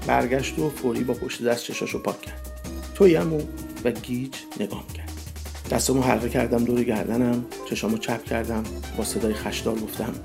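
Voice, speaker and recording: A man reading a story aloud, changing his pitch for each character and dropping low for the narration, with faint music underneath. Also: fairly even intonation, vocal fry. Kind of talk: storybook reading with acted voices.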